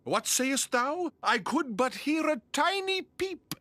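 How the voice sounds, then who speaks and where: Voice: sits high, very animated, slow pace, pushed and bright, dry recording, heavily acted. A voice actor playing a pompous, old-fashioned knight with lofty, archaic speech.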